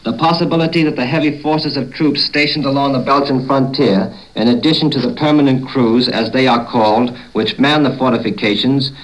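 Guy reading a war report like an old newsreel, formal and measured, medium pitch voice. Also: steady tone, rough recording. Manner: formal, measured, read-out delivery. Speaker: war correspondent.

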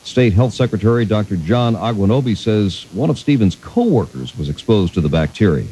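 A man's voice: lowish voice, sing-song, brisk, mellow, a little hiss or hum, poor audio. An American man anchoring a radio news roundup, reading from a script.

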